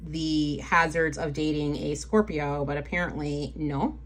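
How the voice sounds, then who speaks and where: A woman's voice: deep voice, fairly even intonation, unhurried, slight background noise. A woman hosting a casual live stream about nail polish, chatting with viewers, reading their comments aloud and getting easily sidetracked. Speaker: livestream host showing nail polish.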